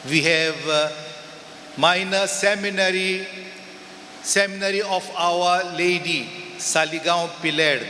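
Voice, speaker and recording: A man with a Goan accent, a priest reading the Gospel and preaching at a pulpit microphone in a large church, speaking in short, measured phrases. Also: sits high, sharp tone, slight background noise. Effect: heard through a pulpit microphone in a church. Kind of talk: Mass reading and homily. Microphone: pulpit microphone over church speakers. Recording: echoey church with long reverb.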